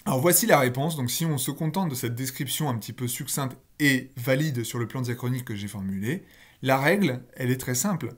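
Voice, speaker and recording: A man's voice: mid-range voice, a little fast, fairly bright tone. A man teaching a recorded linguistics lecture, blunt and emphatic, with casual asides and key words drawn out for stress.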